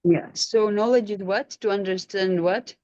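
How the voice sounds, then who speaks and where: A woman's voice: mid-range voice, moderate pace, a little mellow, dry recording. Patient woman teaching online class, dry. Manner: patient, questioning, prompts students. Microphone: video call. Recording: dull lo-fi video call audio.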